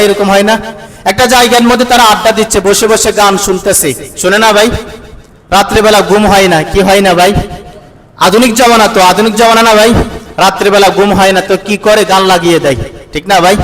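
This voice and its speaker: A man preaching a sermon with a Bangladeshi Bengali accent. He keeps asking his listeners questions and answering them himself, and at times slows into sung recitation. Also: sits high, fairly bright tone, low-quality recording. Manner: call-and-response, asks the crowd and answers himself; slow sung Quran recitation.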